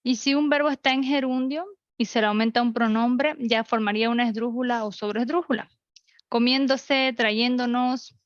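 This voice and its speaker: Woman teaching online, fairly high voice, dry muffled sound, walks thru rules w examples. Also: fairly even intonation, normal speed, no echo. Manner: explains rules step by step with examples. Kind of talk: online class lecture. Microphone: computer mic.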